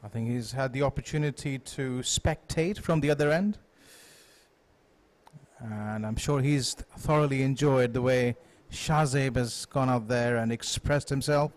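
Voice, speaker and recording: A man giving live cricket commentary in a measured, analytical manner. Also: mid-range voice.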